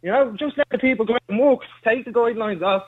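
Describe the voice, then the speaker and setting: Defiant caller on a glitchy phone line. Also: male voice, very high voice, fast talker, no echo. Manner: defiant, argumentative, talks over the host. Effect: buzzy phone line that keeps breaking up. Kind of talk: radio phone-in call. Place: on a building site.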